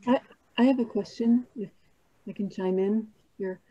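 A woman's voice: mid-range voice, moderate pace, husky, no room sound, dull audio. A woman moderating a panel on a video call, asking questions in a polite, tentative way. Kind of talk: casual panel discussion.

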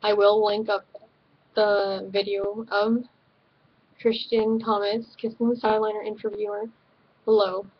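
A woman's voice: medium pitch, level tone, a little slow, pauses often, breathy edge, dull audio. A young woman in her bedroom talking straight to her webcam, earnest and indignant, full of "like" and "um" fillers. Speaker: YouTube video reviewer. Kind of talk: direct-to-camera opinion vlog. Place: small bedroom, indoors. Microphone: webcam at desk.

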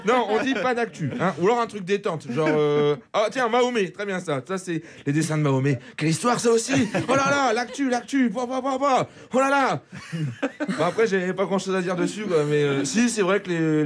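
A man delivering a cheeky comic monologue as a radio columnist in a studio, chuckling at his own jokes. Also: high voice. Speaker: comedy columnist.

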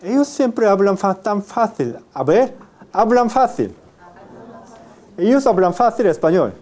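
Male university lecturer, drills Spanish pronunciation; pitch moves a lot. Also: very animated, a little mellow. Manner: repeats example words slowly, quizzes the class. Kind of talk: classroom lecture with questions to students.

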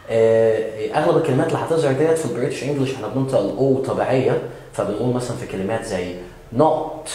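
Egyptian male English teacher, brisk, patient, hesitant fillers, reverberant room. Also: mid-range voice, a little mellow, a little hiss or hum. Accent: Egyptian Arabic. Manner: patient, with many "aah" fillers, models words slowly. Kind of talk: explanatory language lesson. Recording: very echoey room.

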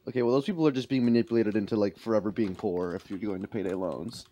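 A man's voice: on the low side, fast, warm tone. A man chiming in with playful jokes and riffs during a casual voice chat with friends. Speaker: friend in a group debate.

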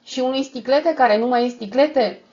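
A woman doing a loud mocking card player. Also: high voice, lo-fi sound, pitched above the performer's own voice, close to an everyday voice. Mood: teasing. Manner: teasing, shouting.

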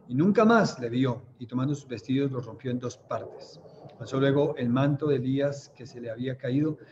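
A medium-pitched man with a Colombian Spanish accent leads a youth Bible study, reading scripture aloud and explaining it through conversation and questions. He checks in with his listeners and imitates laughter when retelling stories. The recording has its highs cut off and carries background noise.

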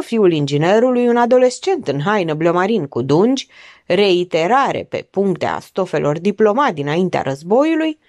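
A woman's voice: darkish tone, dry recording, clean studio sound. A woman narrating an audiobook expressively, changing her voice to act out the characters. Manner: acts out characters with big pitch jumps. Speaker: audiobook reader.

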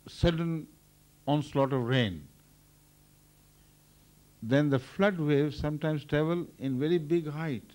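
An older man, a religious leader, giving a measured, thoughtful explanation at a microphone during a question session. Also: fairly high pitch, mellow. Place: large indoor hall. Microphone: standing microphone.

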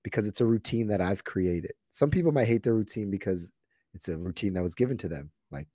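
A man in his thirties, a podcast co-host whose voice is raspy and hoarse as he recovers from losing it, chatting casually and reflectively. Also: lowish voice, fairly quick, no echo, clean studio sound. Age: 30s. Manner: relaxed, reflective, talks in run-on thoughts.

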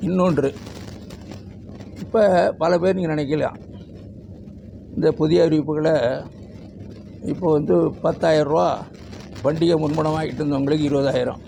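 A man's voice: a little high, fairly even intonation, moderate pace, vocal fry, pauses often, dark tone, slight background noise. A man speaking as a teachers' union leader at a press conference, emphatic as he lists figures and demands.

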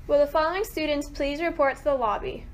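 A woman's voice: high-pitched, fast. A young woman reading scripted morning announcements in a school intercom manner.

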